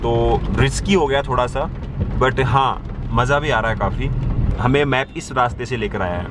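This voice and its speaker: A man's voice: medium pitch, normal speed. A young man in a casual travel vlog, chatting and pointing out the views, filming himself with a phone from inside a car. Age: young adult. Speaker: travel vlogger. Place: inside a car on mountain roads. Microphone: phone held at arm's length. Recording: loud road and rain noise. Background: car and road noise.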